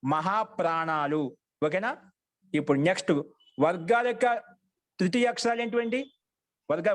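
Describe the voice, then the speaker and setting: High-voiced man teaching a grammar class. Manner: repetitive call-and-response questioning. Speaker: Sanskrit teacher.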